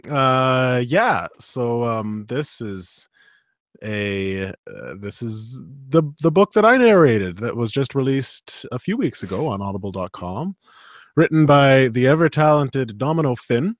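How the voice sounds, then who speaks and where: A man's voice: mid-range voice, lively intonation, unhurried, no room sound, studio quality. A man hosting a live show, chatting casually and animatedly with fillers and laughs. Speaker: host and audiobook narrator.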